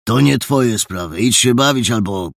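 A man's voice: medium pitch, moderate pace, no room sound, studio quality, natural voice. A man voicing a stern, burly police sergeant who grumbles and snaps at kids. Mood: gruff. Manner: gruff, grumbling.

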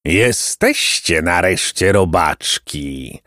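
A man's voice: sits low, animated, very slow, bright, forceful tone, dry recording, studio quality, pitched below the performer's own voice, full character voice. A man voicing a huge male monster who fawns and then menaces, with a screeching, neighing voice. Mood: menacing.

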